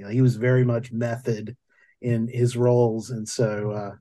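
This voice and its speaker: Mellow-voiced man hosting a podcast chat. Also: lowish voice. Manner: rambling, hesitant with many fillers. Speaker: podcast host. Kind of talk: casual chat.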